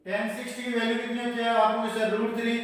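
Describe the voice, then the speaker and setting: A man's voice: very high-pitched, completely flat delivery, fast talker. A man with an Indian accent teaching a maths class, asking his students questions and answering them himself. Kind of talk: classroom lesson. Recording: echoey hall, mic far off.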